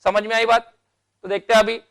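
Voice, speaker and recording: A man's voice: sits high, level tone, fairly quick, fairly bright tone. A man teaching a chemistry lecture, explaining step by step and answering his own questions as he goes, with terms. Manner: calls students beta and bhai. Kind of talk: classroom lecture.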